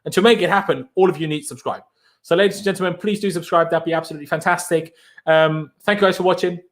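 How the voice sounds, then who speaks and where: A young German-speaking football channel host reads viewer questions aloud during a live stream, talking fast. His English carries a German accent, and his slightly high voice is chatty and animated.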